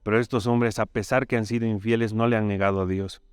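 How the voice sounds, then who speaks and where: A man's voice: fairly low pitch, fairly even intonation, quick pace, smooth, dry recording, studio quality, soft background music. A man with a Bolivian accent preaching a sermon. He tells the story conversationally and keeps asking tag questions of his listeners. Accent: Bolivian Spanish.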